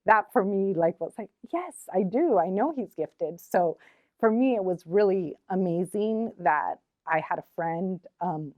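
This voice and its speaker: A woman's voice: mid-range voice, lively intonation, unhurried, a little mellow, no room sound. A middle-aged woman, an arts organizer, speaking earnestly and from the heart in a documentary interview, with frequent hesitations. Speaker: community art shop and gallery organizer.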